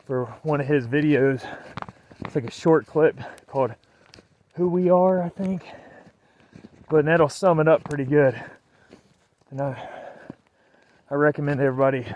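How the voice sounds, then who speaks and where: A man walks a snowy mountain trail and talks to the camera in a loose, rambling way, a little out of breath from the climb. His voice sits at an ordinary middle pitch. A faint hiss sits under the outdoor recording. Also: darkish tone. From Virginia. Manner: rambling, easygoing, many fillers and restarts. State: out of breath from hiking. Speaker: vlogger hiking with his son. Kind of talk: casual hiking vlog narration.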